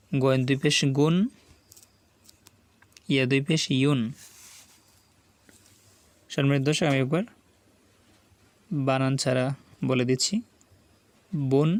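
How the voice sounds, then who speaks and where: A man with a Bangladeshi Bengali accent teaching Quran reading. He spells out syllables slowly and deliberately, and asks the viewers to repeat after him. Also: medium pitch, clean tone, no room sound. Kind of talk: slow spelled-out recitation lesson.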